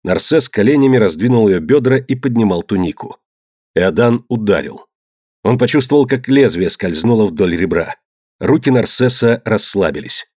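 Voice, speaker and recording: A man narrating an adventure novel in a low, measured storytelling voice. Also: animated, a little mellow, breathy edge, no room sound, studio quality. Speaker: audiobook narrator. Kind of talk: scripted narration.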